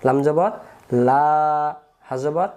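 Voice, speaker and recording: Here a man with a dark, high-leaning voice speaks slowly while teaching how to read the Quran. The recitation lesson moves step by step as he patiently spells letters, holds the long vowels, and repeats each point.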